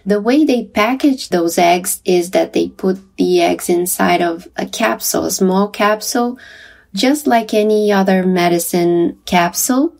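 A woman's voice: medium pitch, a little slow, vocal fry, darkish tone. A woman journalist telling a podcast host about her visit to a facility, chatty, with light laughs and small restarts. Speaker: science journalist reporting from a visit. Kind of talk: conversational podcast interview.

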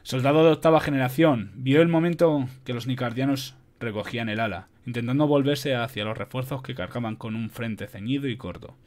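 A man's voice: mid-range voice, a little fast, hardly any pauses, darkish tone. A man reading an audiobook casually, with swearing asides, on a home microphone. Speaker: audiobook reader.

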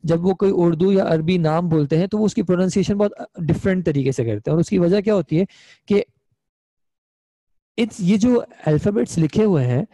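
Brisk and dark in tone, the young man's voice sits high in a dry recording. He's running an online Arabic grammar class, patiently breaking things down step by step and regularly asking his students "ठीक है?".

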